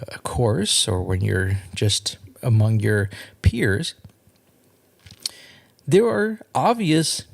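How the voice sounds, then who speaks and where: Podcast host, male, gravelly voice that rises and falls widely, earnest solo monologue. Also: mid-range voice, a little mellow. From California. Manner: earnest, measured, with repeated restarts.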